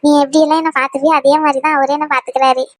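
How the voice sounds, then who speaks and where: Brief: woman, bright high voice, tender cartoon family drama. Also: little pitch movement, racing, no echo. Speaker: voice actor for women in a family cartoon.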